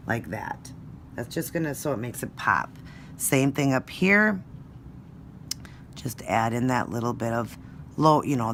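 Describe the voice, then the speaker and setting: Chatty woman tutor over clear background noise. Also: very deep voice. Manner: chatty, informal, thinking aloud. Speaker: nail art tutorial presenter. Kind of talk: casual step-by-step craft tutorial. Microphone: phone. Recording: noisy home phone recording.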